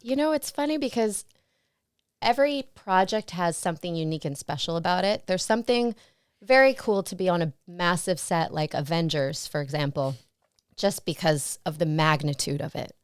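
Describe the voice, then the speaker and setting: A woman's voice: on the low side, moderate pace, clean tone, no room sound, clean studio sound. A woman guest in an interview, reflecting on her career in a casual storytelling way and often laughing. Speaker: interview guest, stunt performer and actress.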